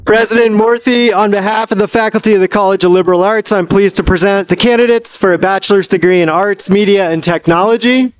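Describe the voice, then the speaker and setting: A man presents graduates at a commencement in a formal, measured way, reading each name into a podium microphone. His voice is smooth and clear and sits fairly high. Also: steady tone, no echo. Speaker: senior art instructor presenting graduates. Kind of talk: formal ceremonial announcement.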